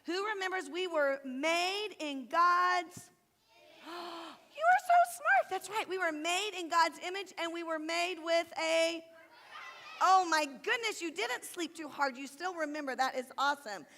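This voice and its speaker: A high-voiced woman leads a group of children through a memory verse, encouraging and teacherly, drawing each phrase out slowly. Her voice rings through a reverberant church hall with a long tail. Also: pushed and bright, slight background noise. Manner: encouraging, teacherly, slow deliberate recitation. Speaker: children's ministry leader. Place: church sanctuary stage.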